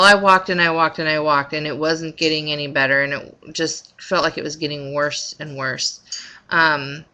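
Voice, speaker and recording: Female vlogger, fairly low pitch, bright and sharp tone, informal halting first-person delivery with frequent rewording. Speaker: vlogger recounting her recovery from surgery. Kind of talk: casual personal vlog monologue.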